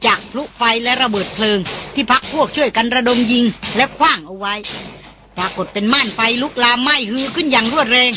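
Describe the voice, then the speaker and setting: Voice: medium pitch, noisy background. An audiobook narrator reading an action novel aloud in a vivid, dramatic storytelling manner.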